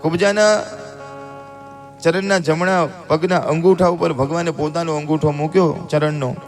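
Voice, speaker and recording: Lively high-voiced male storyteller. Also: normal speed. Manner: lively, theatrical, addresses the audience. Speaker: religious storyteller. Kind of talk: devotional storytelling sermon. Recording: live talk with music behind.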